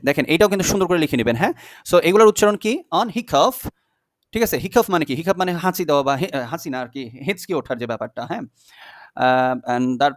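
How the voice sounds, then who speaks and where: A man's voice: fairly high pitch, no echo, clean studio sound. A young man teaching an English poem to schoolchildren, patiently spelling out pronunciations and checking in with them. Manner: patient, repeats words slowly, checks in with "okay?". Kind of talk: classroom lesson explaining a poem.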